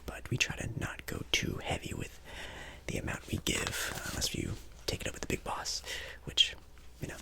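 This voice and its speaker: At a moderate pace, a man whispers his way through an ASMR casino dealer roleplay, playing the dealer as friendly and apologetic. The delivery is breathy and chatty, with reassurance that's polite and a little hesitant.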